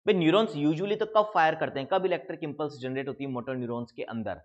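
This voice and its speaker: A man's voice: fairly high pitch, fast talker, highs cut off. A man with an Indian accent giving an exam-prep biology lecture. He explains each step, puts questions to the class and answers them himself, and mixes English terms into his talk. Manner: mixes English terms into Hindi speech, calls students kids. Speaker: biology teacher.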